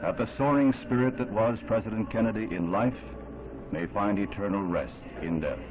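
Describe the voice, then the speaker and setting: A man giving solemn, measured, formal narration in an old 1960s newsreel. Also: on the low side. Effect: old 1960s newsreel sound. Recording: thin narrow-band old film audio with music underneath.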